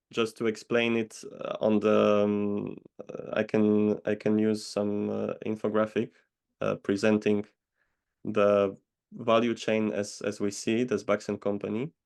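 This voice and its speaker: A man from Poland, answering interview questions in a measured, hesitant way over a video call. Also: lowish voice, completely flat delivery, gravelly, darkish tone, smooth. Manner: measured, hesitant with many pauses. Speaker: guest consultant.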